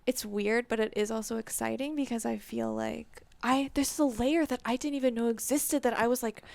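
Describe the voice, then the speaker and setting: Female podcast co-host, giggly rambler, slightly high with a gravelly fry. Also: fairly even intonation, a little fast, a little mellow, no room sound. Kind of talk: casual chat.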